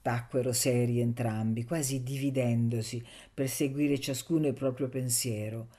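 Low-voiced woman narrating a novel. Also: steady tone, normal speed, mellow. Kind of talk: audiobook narration.

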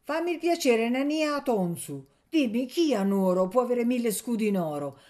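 A woman reading an audiobook, voicing a quarrelsome old village woman who shouts indignantly. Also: a little high, expressive, moderate pace, voice pushed up, natural voice. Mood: pleading. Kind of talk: audiobook character voice.

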